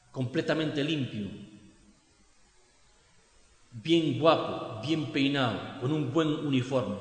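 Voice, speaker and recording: A man with a Spanish accent narrating a story slowly and emphatically, with some restarts. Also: mid-range voice. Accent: Spanish from Spain. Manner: slow, emphatic retelling with restarts. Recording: echoey room with long reverb.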